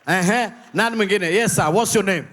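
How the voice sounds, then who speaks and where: A man's voice: high-pitched, brisk. A man with a Kenyan accent hosting a live comedy show, calling out playfully to audience members in a noisy venue. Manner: loud, playful, calling out to the crowd. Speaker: host working the audience.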